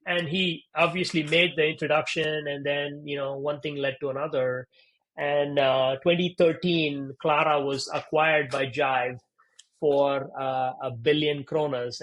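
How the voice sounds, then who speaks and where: Animated man telling stories in an interview. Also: a little high. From India. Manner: animated, acts out quoted dialogue, frequent "you know" and "right?". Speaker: startup founder and guest. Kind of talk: conversational interview storytelling.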